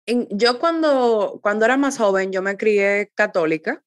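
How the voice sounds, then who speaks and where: A woman from the Republic, interviewing a guest in a thoughtful, halting way. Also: mid-range voice, smooth, no room sound. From Dominican Republic. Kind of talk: interview conversation.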